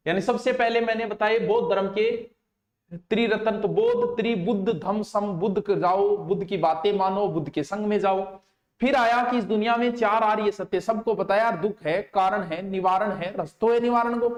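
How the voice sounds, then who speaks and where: A man giving an exam coaching lecture in a fairly high voice. He speaks emphatically and repeats terms slowly so students can take notes. The voice bounces around a roomy, echoing space. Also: fairly even intonation. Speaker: teacher. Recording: roomy echo.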